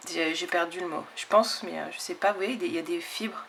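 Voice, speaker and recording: Chatty woman with a gravelly voice. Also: fairly low pitch, steady tone, a little fast, fairly bright tone, slight background noise. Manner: enthusiastic, chatty, lots of fillers and "hop". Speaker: scrapbooking channel host. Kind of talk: casual show-and-tell of craft mail.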